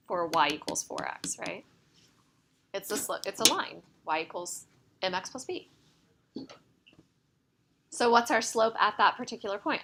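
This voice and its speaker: Explaining math step by step, a woman teacher keeps asking her students "right?" as she slowly loses her voice. Her tone is medium-pitched and a little bright, with slight background noise.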